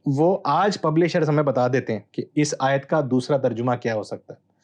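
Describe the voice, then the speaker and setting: A man, a Bible scholar guest, explaining texts in a measured, teacherly way with hesitant pauses. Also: medium pitch. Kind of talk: explanatory interview answer.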